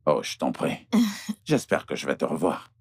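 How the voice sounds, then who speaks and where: Woman putting on a very deep, gravelly male suitor. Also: sing-song, normal speed, darkish tone, heavily acted. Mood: flirtatious. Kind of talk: dubbed film acting.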